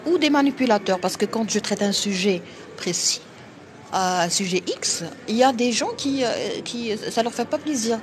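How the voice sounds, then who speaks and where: A Moroccan woman with a Moroccan accent, a doctor hosting a live stream, speaking emphatically and forcefully in a slightly tired voice. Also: on the high side, lively intonation, normal speed. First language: Arabic. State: a bit tired. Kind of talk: live-stream talk to viewers.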